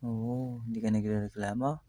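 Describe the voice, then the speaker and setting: A man chatting casually to his pet cat, teasing and coaxing her in a soft, low-key way. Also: level tone, normal speed, no room sound.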